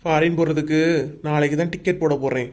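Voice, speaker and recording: A woman's voice: low-pitched, steady tone, quick pace, darkish tone, slight background noise, natural voice. A woman with a Kanyakumari Tamil accent voicing a teasing young husband in a cartoon story. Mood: explaining. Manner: teasing, dismissive.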